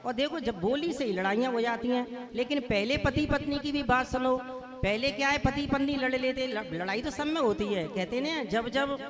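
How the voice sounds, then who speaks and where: A man with a strikingly high voice leads a devotional storytelling sermon. He teaches through homely, folksy anecdotes. The live gathering around him can be heard as crowd noise. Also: moderate pace. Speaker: katha storyteller.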